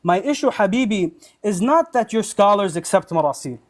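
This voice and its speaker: A man's voice: high-pitched, lively intonation, normal speed. A man in a heated online debate, combative and taunting, insulting his opponent as he argues.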